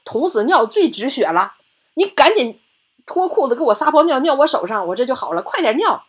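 A poor old street performer barks orders in a quick, urgent way, as a woman puts him on. He sounds bossy and gruff, with his voice pushed slightly higher. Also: sing-song, heavily acted.

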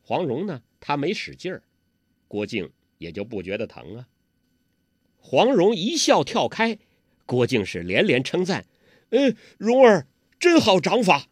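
A man's voice: medium pitch, a little slow, husky, no room sound, studio quality. A man telling a martial-arts novel in a vivid, dramatic storytelling manner. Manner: lively, vivid, dramatic emphasis.

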